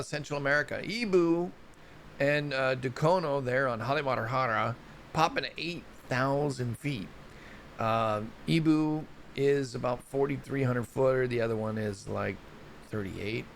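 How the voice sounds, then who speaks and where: A man's voice: mid-range voice, creaky, slight background noise. A man hosting a casual solo news report on volcanoes, rambling and chatty, often stumbling over place names. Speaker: show host.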